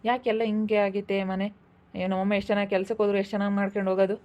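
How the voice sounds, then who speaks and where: Village woman nagging fast, muffled lo-fi sound. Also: mid-range voice, flat delivery, darkish tone. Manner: scolding, nagging. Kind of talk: home-made village drama acting. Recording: dull lo-fi sound.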